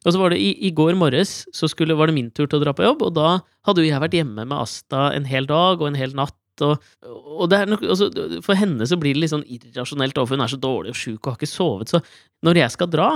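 Chatty Norwegian-speaking dad, slightly high. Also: male voice, no echo, studio quality. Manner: candid, rambling, self-mocking storyteller. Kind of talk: casual chat. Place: home, talking over a video call.

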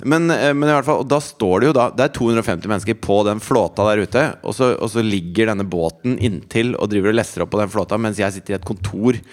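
A man in casual chat, telling a long travel story in an animated way and acting out the people in it. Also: fairly low pitch, hardly any pauses. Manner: animated anecdote telling with laughs and profanity; acts out quoted voices. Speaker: storyteller guest.

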